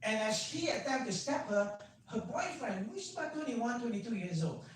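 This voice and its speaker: A man's voice: very high voice, normal speed. Echoey far-off man telling a story. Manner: animated, acts out voices, drops quiet for key points. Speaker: doctor. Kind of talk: storytelling talk. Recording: echoey, distant, faint hum.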